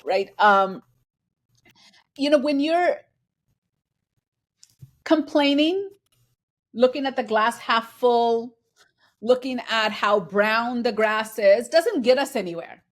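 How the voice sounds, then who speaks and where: A Bangladeshi woman, a finance and transformation executive, is a guest in a conversational interview. Her voice sits on the high side with lively intonation, and she speaks slowly with frequent pauses. She talks earnestly and reflectively, acting out quoted exchanges.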